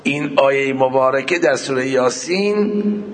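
A man giving a religious sermon. He recites scripture slowly, then explains it plainly, and speaks to his listeners directly. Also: mid-range voice, lively intonation, in a large hall. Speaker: preacher.

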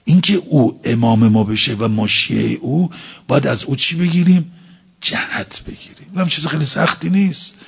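A man's voice: mid-range voice, gravelly, husky. A man preaching a religious talk, explaining by asking and answering his own questions. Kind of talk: sermon.

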